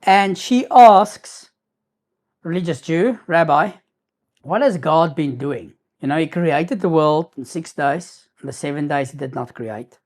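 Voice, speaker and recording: A man's voice: fairly high pitch, animated, unhurried. Man telling a rambling story. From South Africa. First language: Afrikaans. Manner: rambling, restarts, sprinkles in Hebrew terms. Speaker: YouTuber. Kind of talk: casual storytelling to camera.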